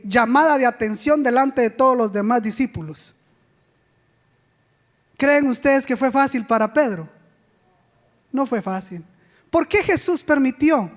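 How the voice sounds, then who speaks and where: A woman with a high voice preaches an animated sermon. She puts rhetorical questions to the congregation and acts out the quoted speech. Her voice rings with the long reverb of a church sanctuary.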